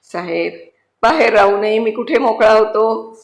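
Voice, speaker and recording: A woman doing a quiet, humble convict. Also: on the high side, unhurried. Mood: subdued, solemn. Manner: respectful, subdued, addresses the jailer as sir. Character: humble male convict, quiet, remorseless protector. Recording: roomy echo.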